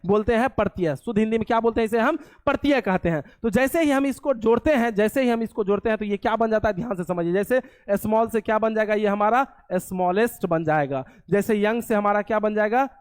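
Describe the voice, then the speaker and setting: A man's voice: high-pitched, fairly quick, few pauses. A man teaching a grammar lesson to students, asking a question and answering it himself, repeating key words over and over. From India. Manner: asks and answers his own questions. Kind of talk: classroom lesson.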